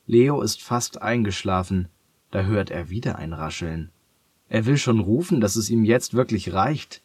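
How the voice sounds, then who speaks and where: A man reading a children's story aloud in a calm, gentle and measured way. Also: lowish voice, breathy edge, no echo.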